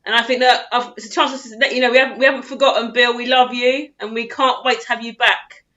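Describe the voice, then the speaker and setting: A woman's voice: fairly high pitch, little pitch movement, quick pace, sharp tone, muffled recording. A woman co-hosting a casual chat, effusive and affectionate in how she speaks. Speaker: co-host from a football club. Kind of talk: casual heartfelt tribute chat.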